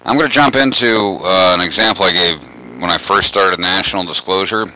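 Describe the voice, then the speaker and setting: Male radio guest, lowish bright voice, meandering storyteller with constant fillers. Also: brisk, slight background noise, low-quality recording. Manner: rambling, many "you know" fillers. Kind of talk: radio talk show interview.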